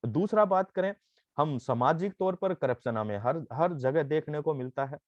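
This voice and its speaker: A man delivers a motivational sales pitch, slipping English phrases into his Hindi. His voice sits fairly high and moves up and down with lively energy. The dry, muffled recording sounds like it was made at home. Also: moderate pace, no echo. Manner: persuasive, calls listeners "friends" again and again. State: coughing, throat irritated. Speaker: network marketing presenter.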